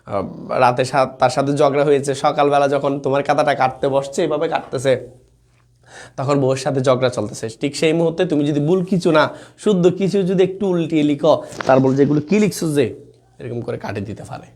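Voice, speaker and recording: A man's voice: a little high, steady tone, fairly quick, darkish tone. A young man teaching a live online exam-prep class in an informal, chatty way, reading out student comments and checking in with the students often.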